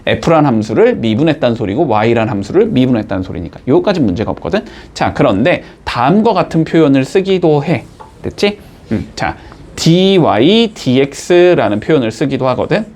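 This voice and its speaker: A man explains math to his students as a teacher, moving through each step and pausing often with a quick question to check they follow. His voice swings up and down with lively energy. His pitch sits in an ordinary middle range. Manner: lively, coaxing, checks in constantly with short questions. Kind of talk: classroom math lecture.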